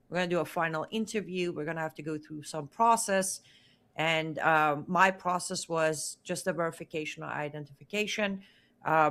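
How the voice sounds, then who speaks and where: Low and a bit bright, this woman's voice carries interview testimony. She is a Farsi-speaking guest relating her own story with earnest emphasis, repeating words for stress.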